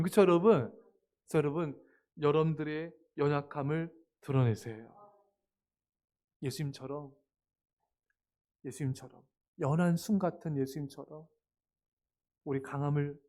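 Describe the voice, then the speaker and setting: A man pastor giving a lively, chatty sermon to teenagers, often asking them questions. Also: a little high. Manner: lively and chatty, asks the young listeners questions; acts out short voices in passing. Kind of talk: sermon to youth. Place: church service.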